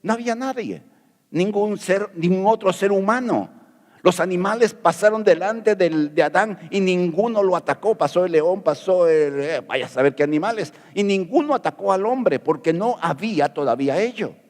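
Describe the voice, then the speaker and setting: A man's voice: high-pitched, moderate pace, a little mellow, in a large hall. A middle-aged man from Peru preaching a sermon as pastor, folksy and jokey, asking rhetorical questions.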